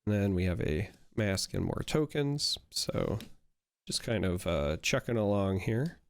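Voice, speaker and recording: Still hoarse from being sick and not yet fully recovered, this young man rambles through casual commentary while opening card packs, full of fillers and restarts. His voice sits fairly low and is expressive, smooth yet creaky, at a measured pace.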